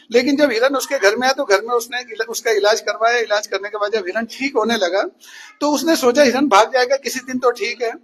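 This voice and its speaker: A man's voice: very high-pitched, fairly bright tone, breathy edge. A male teacher telling a story to children in class, often asking them questions as he goes. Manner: asks questions to the listeners.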